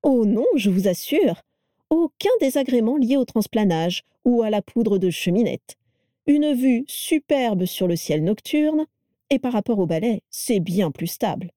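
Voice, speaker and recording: A woman voicing a cheerful, eccentric witch who gushes in a high, sing-song voice, read in a dry, close audiobook recording. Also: lively intonation, measured pace, dark tone, no echo. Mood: enthusiastic.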